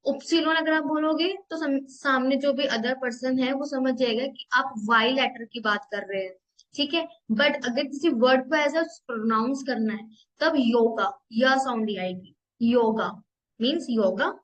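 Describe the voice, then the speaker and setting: High-voiced woman teaching German letters slowly. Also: fairly bright tone, rough recording. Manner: repeats each sound several times, slow and deliberate with drawn-out English reading. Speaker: German language instructor. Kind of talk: recorded language lesson in Hindi-English mix.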